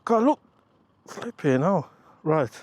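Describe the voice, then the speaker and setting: A British man giving slangy, excitable, off-the-cuff commentary while riding a motorcycle, with wind on the mic. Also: a little high, takes it slowly. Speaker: motorcycle vlogger. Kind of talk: casual riding commentary, thinking aloud. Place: outdoors, riding a motorcycle on the road. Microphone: action camera microphone while riding. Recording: wind and engine noise on mic. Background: motorcycle engine and traffic noise.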